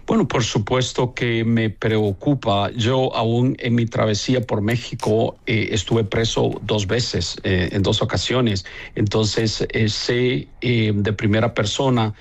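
A man from El Salvador, a bishop, answering interview questions slowly, with many pauses and fillers. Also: lowish voice, steady tone.

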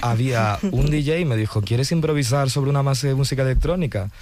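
A man's voice: medium pitch, fairly quick, darkish tone. A man in a radio studio, a guest poet, telling his story fluently and with enthusiasm. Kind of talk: radio interview.

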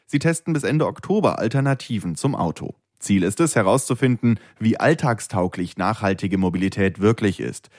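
Deep-toned male regional radio reporter. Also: lively intonation, moderate pace, hardly any pauses, a little mellow, no room sound, clean studio sound. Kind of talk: scripted radio news report.

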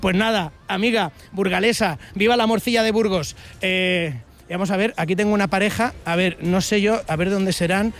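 A man interviewing passers-by on a city street in a chatty, teasing way. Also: high-pitched. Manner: chatty, teasing, quick asides. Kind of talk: playful street vox pop.

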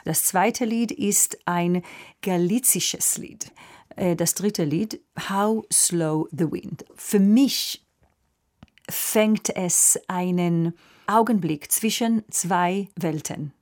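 Slow-spoken woman opera singer. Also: lowish voice, darkish tone. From Israel. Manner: thoughtful, unhurried, slightly non-native phrasing. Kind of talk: relaxed interview answers.

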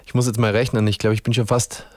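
Austrian frontman, low voice, dry studio sound, talks in restarts. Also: level tone, quick pace, no room sound. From Upper Austria. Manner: thoughtful, searching for words, many restarts. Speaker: band frontman, guest. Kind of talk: radio interview.

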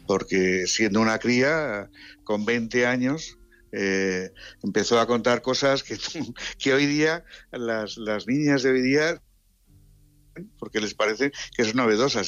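A man from Madrid, a guest in a radio interview, speaking earnestly with halting restarts. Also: on the low side, a bit bright, dry recording. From Madrid, Spain.

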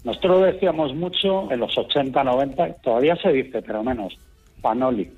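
A middle-aged man from Extremadura, raised in Madrid, calling in to a radio show, calm and unhurried as he tells his stories. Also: medium pitch, breathy edge, soft background music. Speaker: caller. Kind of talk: phone-in chat. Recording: dull phone-line sound.

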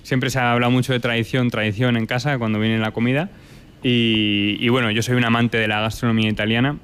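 A man's voice: mid-range voice, level tone, brisk, a bit bright, clean tone. A young Spanish man, a chef and restaurant owner, answering interview questions thoughtfully with many fillers and restarts. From Spain.

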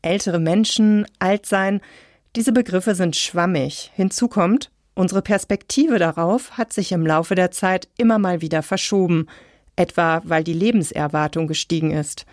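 A woman reading a calm, scripted science radio feature. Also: lowish voice, a little slow, no echo, studio quality. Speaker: radio narrator.

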